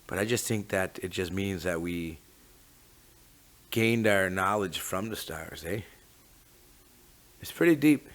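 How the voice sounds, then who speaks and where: A man's voice: deep voice, expressive, slow pace, pauses often, fairly bright tone. A man with a Mi'kmaq First Nations Canadian English accent giving an informal, reflective, rambling talk, often tagging his phrases with "eh". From Mi'kma'ki, eastern Canada. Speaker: host of a talk on traditional teachings.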